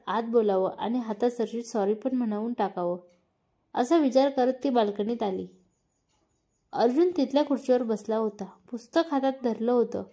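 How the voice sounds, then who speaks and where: A woman reading a family romance story aloud, giving the characters' lines small lifts in pitch. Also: mellow. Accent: Marathi.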